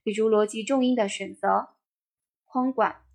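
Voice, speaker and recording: A woman narrating a first-person memoir in a steady, even reading voice. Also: medium pitch, moderate pace, creaky.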